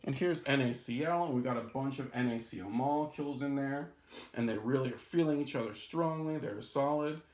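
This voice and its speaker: This man's voice is medium in pitch and a little mellow, and he talks fairly quickly. He's recording an introductory chemistry lecture, going step by step and frequently tossing in "right?" and "okay?".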